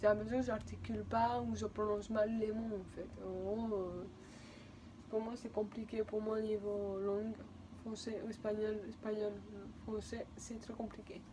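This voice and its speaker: Against a noisy background, a Spanish vlogger in her twenties recounts a personal story in French, her Spanish accent showing since Spanish is her first language. Her medium-pitched voice keeps a level tone at normal speed, though the story rambles, repeats and turns emotional.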